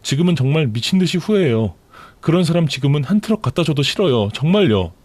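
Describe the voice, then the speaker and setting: A man voicing a desperate, pleading young pregnant woman in a storytelling radio drama, whining and begging in a shrill tone. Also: sing-song, fast, darkish tone, no room sound.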